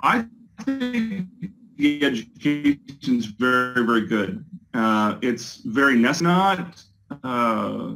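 A man's voice: medium pitch, a bit bright, rough recording. A man speaks over a choppy video call from his home office, giving a testimonial in an interview. He talks hesitantly, with many ums, you-knows and restarts. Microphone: video call with a poor connection.

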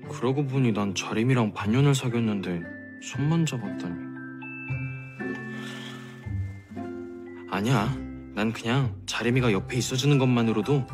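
A young man playing a lovestruck, whiny and excitable high school boy in a youthful TV drama, expressive and pleading. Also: close to an everyday voice. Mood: wistful, sulky. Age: young adult. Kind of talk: Korean television drama acting, youthful comedy.

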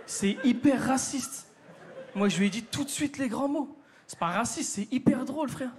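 A man's voice: extremely high pitch, expressive, brisk, noisy background. A man with a North African French accent doing a chatty stand-up routine on a theater stage, talking straight to the crowd. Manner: chatty, addresses the crowd directly. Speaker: stand-up comedian.

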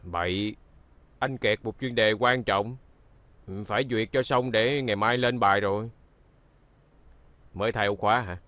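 A man's voice: lowish voice, a little slow, long pauses, dry recording. An actor playing an easygoing young journalist who teases his fiancée but turns firm. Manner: teasing, relaxed, firm when crossed. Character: easygoing, joking young man, protective of sister.

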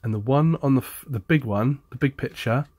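Chatty tradesman, mid-pitched, blunt and jokey with some sarcasm, recorded close and dry for a DIY repair demo. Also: a little fast, darkish tone, slightly rough, no echo. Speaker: appliance repair technician. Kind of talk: casual how-to demonstration.

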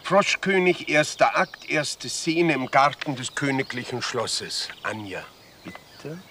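A man's voice: medium pitch, takes it slowly. A man playing a fussy, self-important director of a children's play in a radio drama. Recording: loud noise behind.

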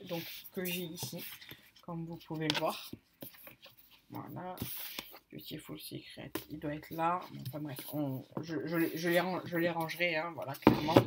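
Woman book vlogger, slightly low voice, chatty and halting, corrects herself often. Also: noisy background. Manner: hesitant, many fillers and self-corrections; apologetic about pronunciation. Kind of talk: casual book haul chat.

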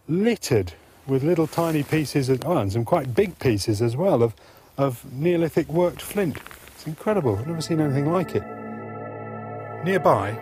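A man presenting a documentary walking tour, narrating and interviewing with marvelling enthusiasm on open downland. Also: mid-range voice. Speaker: landscape archaeologist presenter.

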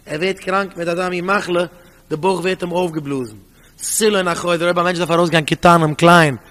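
In a brisk, animated Talmud study lecture, a rabbi with a fairly high voice reads the source text aloud, explains it, and poses rhetorical questions. A long, hall-like reverb hangs over the recording.

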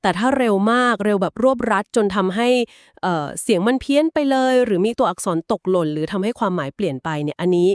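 A woman co-hosting a podcast, calmly and patiently explaining things step by step. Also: mid-range voice, fast talker, dry recording, studio quality. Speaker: podcast co-host explaining Quran etiquette.

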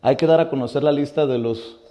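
A man's voice: medium pitch, a little fast, lo-fi sound. A middle-aged man from Mexico hosting an interview, pressing his questions insistently with a touch of sarcasm. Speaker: interviewer, host. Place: indoor office with wooden cabinets.

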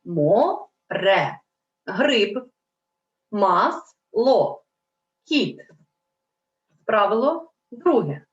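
Woman schoolteacher addressing children, unhurried and melodic, in a roomy, slightly dull recording. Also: medium pitch, big pitch swings. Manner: slow, clear, drawn-out word dictation. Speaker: primary school teacher. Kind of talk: Ukrainian language lesson for children.

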